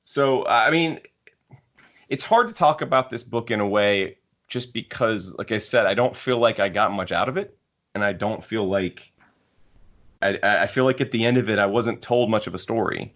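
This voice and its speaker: A man's voice: on the low side, moderate pace, fairly bright tone. A man hosting a podcast, casually discussing a book and thinking aloud as he rambles. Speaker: podcast host. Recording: dull lo-fi podcast audio.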